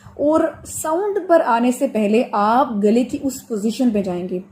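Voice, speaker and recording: A woman teaching Quranic pronunciation in a fairly high voice, over a faint hiss of background noise. She explains each letter patiently with homely comparisons. She drags out the model sounds slowly so the class can copy them. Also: animated, darkish tone. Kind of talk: online tajweed lesson.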